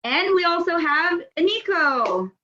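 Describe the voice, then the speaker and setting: A woman's voice: extremely high pitch, sing-song, slow, bright, forceful tone. A woman hosting an interview over a video call, chatty and upbeat as she introduces her guest. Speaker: host, company head. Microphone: video call microphone. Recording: dull lo-fi video call audio.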